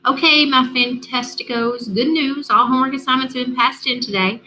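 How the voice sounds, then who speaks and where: A woman reading as an upbeat, gentle teacher. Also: medium pitch, lively intonation, fast talker, slight background noise, poor audio. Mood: encouraging. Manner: encouraging, careful. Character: upbeat, gentle male schoolteacher.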